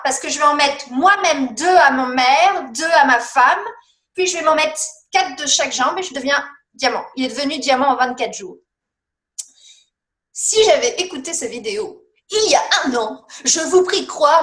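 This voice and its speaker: Lady coaching on a team call, high voice, rambles a lot, echoey sound. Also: fairly bright tone. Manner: chatty, rambling, laughs often, many fillers. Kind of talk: casual motivational coaching talk.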